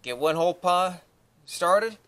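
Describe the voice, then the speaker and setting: Noisy outdoor camera audio with clicks captures a DIY vlogger next to a pickup truck, giving a casual hands-on install tutorial from a short distance. His voice is high, animated and sharp, and he takes it slowly.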